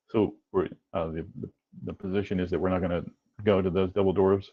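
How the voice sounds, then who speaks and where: A man's voice: deep voice, fairly even intonation, normal speed. A man playing a tabletop game who talks hesitantly, with formal wording and many fillers. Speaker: player. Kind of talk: tabletop game play over a stream. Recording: dull lo-fi sound.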